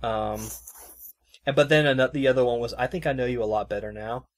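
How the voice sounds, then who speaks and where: A man's voice: mid-range voice, fairly quick. A man hosting a podcast, chatting casually in a loose, rambling way full of fillers, and laughing easily. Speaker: podcast host reviewing a video game. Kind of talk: casual chat.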